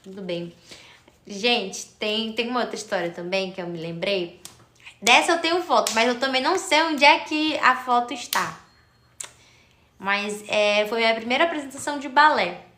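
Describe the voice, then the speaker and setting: A young woman with a high, bright voice chats on a live stream. She tells her story casually and breaks off to greet viewers by name. The sound has a roomy echo. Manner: chatty, addresses viewers, thanks commenters by name.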